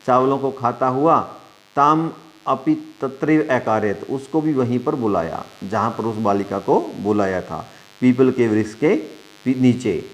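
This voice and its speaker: A male Sanskrit teacher, giving an online class, reading a lesson aloud and translating it phrase by phrase for the children. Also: mid-range voice. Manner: reads a line then translates it phrase by phrase; addresses students as dear children.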